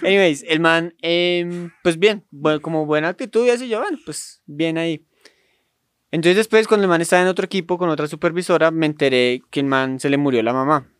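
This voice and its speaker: A man's voice: fairly high pitch, fairly quick, smooth, no room sound. A man with a Colombian accent telling a long anecdote in casual podcast chat, rambling and slangy and laughing often. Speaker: podcast storyteller.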